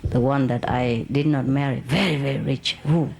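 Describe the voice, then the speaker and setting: A woman's voice: extremely low pitch, steady tone, moderate pace, creaky, a little mellow, slight background noise, low-quality recording. A woman telling a long personal story in casual, non-native English, rambling and laughing as she goes.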